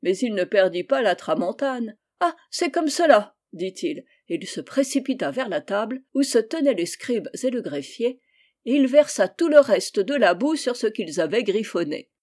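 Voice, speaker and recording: A woman reads a fairy tale aloud, calm and even, at an ordinary mid pitch. Her tone is warm and mellow rather than bright. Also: moderate pace. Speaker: volunteer audiobook reader. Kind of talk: storybook narration.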